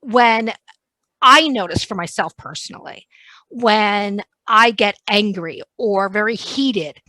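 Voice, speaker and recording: A woman with a New Jersey accent hosting a podcast interview, chatty and quick to laugh. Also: mid-range voice, bright, forceful tone, no echo, low-quality recording. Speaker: podcast host. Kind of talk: casual interview chat.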